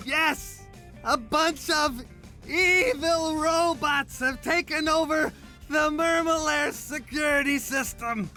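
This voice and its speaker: This is an old cartoon superhero gone doddery. His voice is very high and sharp, and he speaks slowly. He is befuddled yet grandly dramatic, as in a comic video game. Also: soft background music, heavily acted. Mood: heroic bluster. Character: doddering old retired male superhero, confused, theatrical.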